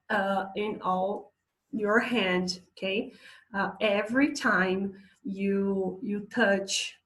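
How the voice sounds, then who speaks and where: Slow gravelly-voiced woman teaching English. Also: medium pitch. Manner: slow, hesitant, many fillers, laughs often. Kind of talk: casual English lesson describing pictures.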